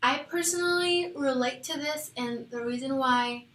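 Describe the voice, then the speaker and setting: A woman's voice: high-pitched, moderate pace, fairly bright tone. A young woman from Iraq presenting her research proposal to classmates, hesitant, with fillers and self-corrections. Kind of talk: casual class discussion. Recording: echoey room with faint noise.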